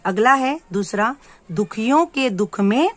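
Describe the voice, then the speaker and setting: A woman teaching young children, reading words aloud slowly for them to repeat and explaining each one patiently. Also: on the high side, lively intonation, dry recording. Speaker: primary school teacher. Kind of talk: slow, clear classroom lesson for young children.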